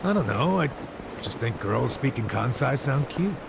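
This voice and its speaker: A man voicing a brash, playful, cocky brawler in a video game, with loud music over the voice. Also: medium pitch, big pitch swings, moderate pace, creaky, heavy background noise.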